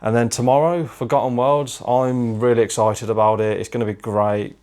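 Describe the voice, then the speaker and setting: Worn out from driving, this young game-collecting vlogger talks casually on his travel vlog in a chatty, tired, self-deprecating way. His voice sits at medium pitch, a little mellow, with fairly even intonation and a moderate pace. The recording has no room sound.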